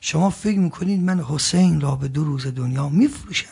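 A man preaching a sermon, swelling from quiet asides to loud emphatic peaks, chanting scripture slowly and joking with the audience. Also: a little high, creaky, husky. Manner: jokes with the audience between points.

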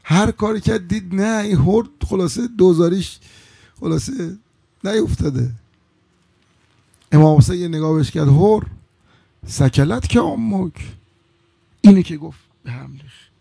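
A male preacher with a somewhat high, gravelly voice tells a religious story in a sermon. He drops to a hush and then rises into loud, emotional outbursts, and he draws out chanted phrases slowly. The sound is close and dry. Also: no echo. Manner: drawn-out chanted Arabic phrases.

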